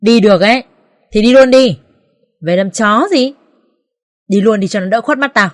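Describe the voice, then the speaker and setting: A woman voicing a bitter, harsh old mother-in-law who shouts insults at her son. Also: medium pitch, expressive, normal speed, natural voice. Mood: furious scolding.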